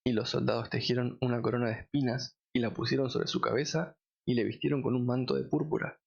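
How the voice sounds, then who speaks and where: A man reading scripture aloud in a measured, solemn way. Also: medium pitch, steady tone, gravelly, muffled recording. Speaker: Bible reader.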